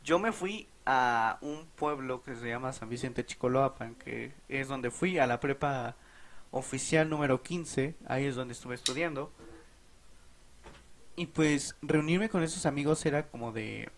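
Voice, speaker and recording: A young man with a Mexican Spanish accent telling a casual, profanity-laced story about his school days for a podcast, animated and laughing. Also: mid-range voice, a little slow.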